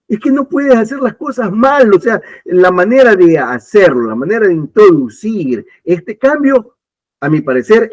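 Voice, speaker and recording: A man's voice: high-pitched, dry recording, rough recording. A man from Ecuador, emphatically giving his political opinions in a talk-show discussion, often restarting and repeating his points. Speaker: political commentator.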